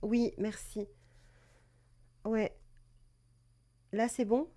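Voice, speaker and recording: A woman's voice: fairly high pitch, steady tone, very slow, dark tone. A woman hosting a casual live stream, chatty, with many fillers and self-corrections, greeting viewers as she talks. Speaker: live streamer presenting cat breed history.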